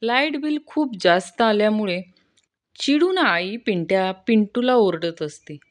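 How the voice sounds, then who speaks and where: A woman's voice: mid-range voice, animated, a little slow. A woman reading a string of short jokes aloud, shifting her voice slightly for the characters. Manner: storytelling delivery with small voice shifts for characters. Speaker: joke reader.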